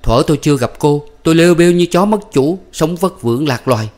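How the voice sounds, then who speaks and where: A male audiobook reader voicing a proud, bitter young husband who rants loudly and theatrically. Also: medium pitch, normal speed, pitched above the performer's own voice, lightly acted. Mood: ranting. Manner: loud, ranting, theatrical outbursts.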